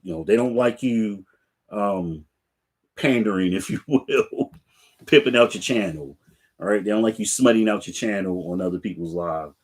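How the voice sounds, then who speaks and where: A middle-aged man hosts a casual live chat for his sneaker channel, speaking at normal speed in a voice on the low side. He's laid-back with his viewers, with shoe racks filling the room around him.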